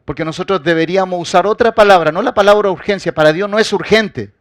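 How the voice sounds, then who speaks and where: Male pastor, sermon, fairly high voice, dry close sound, swings from loud emphasis to quiet asides. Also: quick pace, no room sound. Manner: addresses the congregation directly as beloved.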